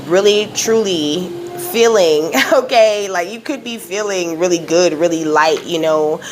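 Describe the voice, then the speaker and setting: A woman psychic gives a casual tarot card reading, rambling reassuringly and passing on messages from Spirit while sprinkling in "you know" and "okay?" Her voice is lowish and her pace measured, with music in the background and poor audio.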